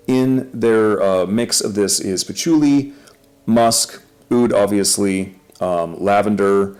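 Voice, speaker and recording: A man's voice: fairly low pitch, darkish tone. A man hosting his own channel, giving a casual, upbeat first-impressions review and correcting himself as he goes. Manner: chatty, self-correcting, upbeat. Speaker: fragrance reviewer.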